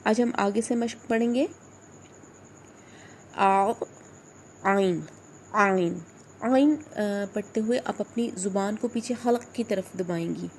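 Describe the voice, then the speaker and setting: Woman slowly drilling Quranic letter sounds. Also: fairly high pitch, darkish tone, a little hiss or hum. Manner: slow, careful drilling of letter sounds, repeating each several times; checks in with "okay?" after each point. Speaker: Quran recitation teacher. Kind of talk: tajweed lesson with recited drills.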